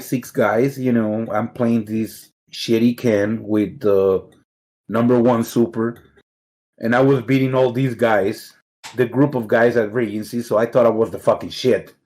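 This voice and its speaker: A middle-aged Mexican man with a Mexican accent guests on a podcast, casually telling stories in an interview, swearing constantly and laughing easily. His laid-back voice sits in the mid range, slightly mellow, with fairly even intonation and an unhurried pace.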